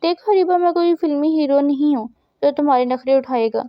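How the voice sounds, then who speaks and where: A woman's voice: high-pitched, no echo, highs cut off, natural voice. A woman reading the part of a stern, cold male boss who speaks in curt commands.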